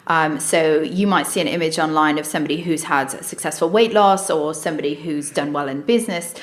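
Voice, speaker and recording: A woman's voice: low-pitched, a little fast, roomy sound. A woman co-hosting a podcast, chatting directly and addressing listeners. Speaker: podcast co-host. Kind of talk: casual podcast chat.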